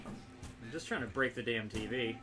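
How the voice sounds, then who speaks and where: A man's voice: medium pitch, normal speed, over music. A man giving casual, wry gameplay commentary and chatting with viewers, swearing freely. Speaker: game livestreamer. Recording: noisy, distant mic with game sound. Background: video game sound.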